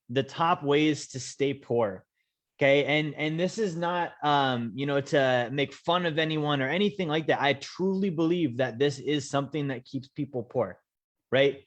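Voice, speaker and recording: Measured man hosting a money webinar. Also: a little high. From Alaska. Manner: measured, slows to stress key points, frequent "um" and "okay?". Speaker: host, wealth coach. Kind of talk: casual webinar presentation.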